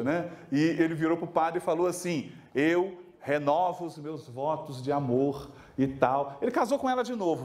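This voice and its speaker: Middle-aged male lecturer, high-pitched and very lively, speaking to a room of teachers. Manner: animated, acts out dialogue with students. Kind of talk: lively talk to a live audience. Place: event hall.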